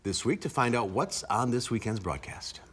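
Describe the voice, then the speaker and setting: A man anchoring a local TV newscast, chatting in a friendly, lively way with co-hosts and guests. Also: mid-range voice, normal speed, slightly rough. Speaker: news anchor. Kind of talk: live TV news banter. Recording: studio broadcast with music behind.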